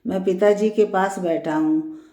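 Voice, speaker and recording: A tired young husband who reasons patiently, as a woman narrator voices him. He speaks slowly, with mellow warmth. The recording sounds roomy. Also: medium pitch, fairly even intonation, natural voice. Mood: calm.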